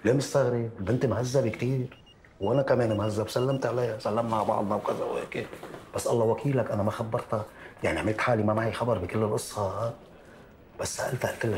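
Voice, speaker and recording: A man's voice: mid-range voice, fairly even intonation, rapid-fire, a little mellow, slight background noise, close to an everyday voice. A man in a dubbed TV drama, talking earnestly and pleading. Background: music score.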